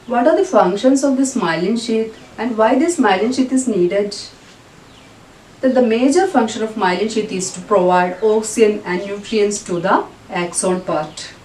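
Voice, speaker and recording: A woman's voice: mid-range voice, darkish tone. A woman with a Malayalam accent teaching a school biology lesson in a didactic way, rephrasing her points as she explains. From Kerala, India. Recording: roomy, distant mic with faint noise.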